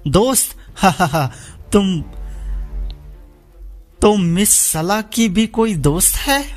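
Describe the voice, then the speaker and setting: Man playing a bitter desperate young man, harsh, shouting, raised pitch, faint music. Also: lively intonation, takes it slowly. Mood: bitter angry.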